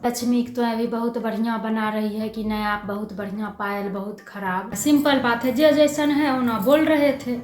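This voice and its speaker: A woman's voice: on the high side, little pitch movement, moderate pace, hardly any pauses, a little mellow, roomy sound, a little hiss or hum. A middle-aged woman, speaking insistently and argumentatively in a family drama scene.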